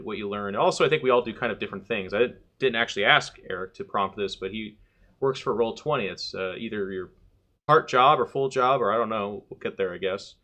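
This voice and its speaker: A man's voice: on the low side, sharp tone. A man hosting a casual podcast chat, joking and rambling loosely as he introduces the talk. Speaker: podcast host.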